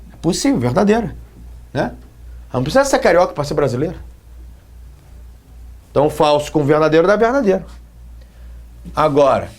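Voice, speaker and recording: Lively Brazilian teacher explaining at whiteboard. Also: male voice, high voice. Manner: explains with repeated questions to the students. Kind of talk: whiteboard logic lesson.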